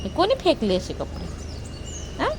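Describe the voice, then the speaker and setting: Give me a woman in her thirties with a fairly high, very lively voice, gently coaxing her kids at home as she vlogs. The phone recording carries clear background noise. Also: measured pace. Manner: coaxing, motherly questions to the kids. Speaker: mother filming a family vlog. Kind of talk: casual home vlog narration and chat with children. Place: home, indoors.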